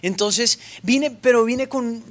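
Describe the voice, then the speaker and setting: A man's voice: extremely high pitch, takes it slowly. A young man, a pastor, preaching a sermon and telling his story with playful asides and acted-out dialogue. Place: church stage.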